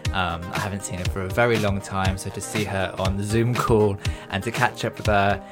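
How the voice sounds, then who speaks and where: A man opens a podcast episode with an enthusiastic introduction. His voice sits a little low. Music plays clearly beneath his words. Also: level tone, brisk. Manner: warm, enthusiastic praise of the guest. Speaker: podcast host. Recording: intro spoken over music.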